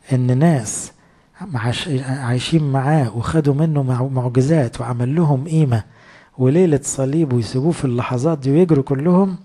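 A man's voice: mid-range voice, mellow, breathy edge. A man with an Egyptian accent preaching a sermon in a conversational way, full of rhetorical questions. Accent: Egyptian Arabic.

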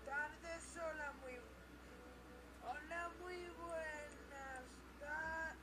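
A man voicing a male game greeter who repeats the same greeting over and over like a skipping record, slow and mechanical. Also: very high-pitched, fairly even intonation, full character voice. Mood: stuck greeting. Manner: slow, sing-song, mechanical repetition. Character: high-pitched male game greeter NPC, stuck on one line. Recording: game audio with loud background noise.

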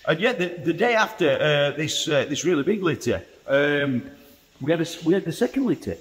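Man, 40s, yorkshire accent, farmer, casual chatty update, slightly high voice, long barn reverb. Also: very animated, a little fast. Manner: chatty, plain-spoken, with frequent "uh" fillers and restarts. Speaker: farmer presenting a farm video. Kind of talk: casual walk-and-talk farm update. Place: indoor pig barn with pens and straw.

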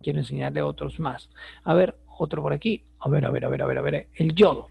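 A man's voice: on the high side, brisk, gravelly, darkish tone, slight background noise. A man teaching an online chemistry lesson, patient and repetitive, checking in with his students as he writes. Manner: patient, repeats words, asks rhetorical checks.

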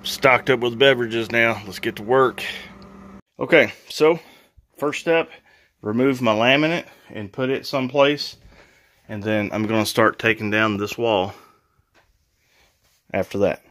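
A man's voice: medium pitch, steady tone, a little slow, long pauses, a bit bright. A man hosting a casual home renovation vlog, chatting informally while showing tools and work. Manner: chatty, informal, laughs at own jokes. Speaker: channel host, DIY renovator. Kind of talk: casual DIY vlog narration. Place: mobile home and workbench indoors.

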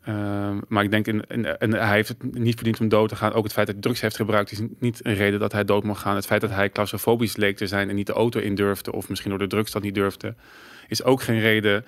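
A low-voiced man talks in a casual podcast discussion. He thinks aloud, repeats words and restarts as he searches for them. The recording is close and dry. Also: flat delivery, brisk, no echo. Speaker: podcast host.

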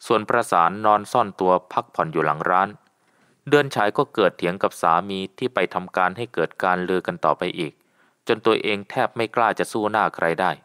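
Low-voiced male storybook narrator. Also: smooth. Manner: steady storybook reading. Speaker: audiobook narrator. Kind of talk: scripted narration.

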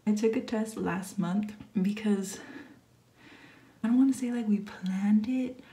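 A woman's voice: mid-range voice, unhurried, warm tone. A woman in her twenties whispering a late-night vlog at home into her phone, nervous and rambling. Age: 20s. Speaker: vlogger. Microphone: phone camera.

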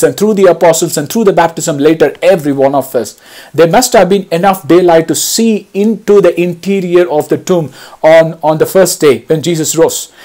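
Male preacher, high voice, measured sermon delivery with scripture readings. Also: darkish tone. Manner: slow, deliberate preaching, reading scripture aloud. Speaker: priest. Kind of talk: Easter homily.

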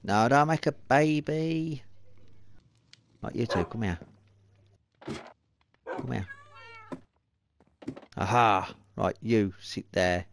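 Deep and creaky, this man's voice comes through over background noise as he provides let's-play commentary on his game. He mutters under his breath and swears out of exasperation.

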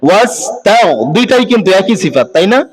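A man's voice: high-pitched, a little fast, very noisy. A man teaching Quran recitation rules in Bengali, explaining step by step and putting questions to his students. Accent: Bangladeshi Bengali. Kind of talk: tajweed lesson, spoken explanation.

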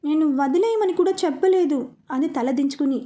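A woman's voice: high voice, a little fast, warm tone, close to an everyday voice. A woman reading the part of a shy young woman who gets flustered and pouts at her lover in a romantic storybook narration. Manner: flustered, pouting.

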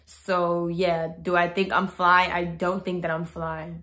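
Her pitch sits fairly low and her pace is measured as this twenty-something vlogger addresses the camera indoors in her bedroom. The delivery is casual, blunt and outspoken, with lots of hand gestures.

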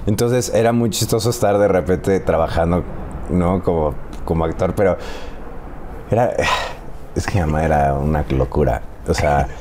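A Mexican man in his thirties, an actor telling animated stories and laughing often in a casual interview. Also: low voice, moderate pace, a little hiss or hum. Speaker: actor guest.

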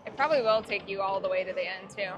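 A woman in her forties chatting casually and reacting excitedly as she vlogs slot play on a casino floor. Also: mid-range voice, quick pace, noisy background. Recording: loud music behind the voice.

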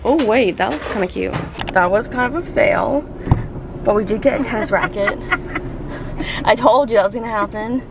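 A woman's voice: a little high, normal speed, gravelly, long pauses. Chatty young woman vlogging to camera. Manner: chatty, self-deprecating, laughs often. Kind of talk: casual vlog chat. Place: car, clothing store, windy beach. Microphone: handheld camera at arm's length. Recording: loud vehicle and outdoor noise.

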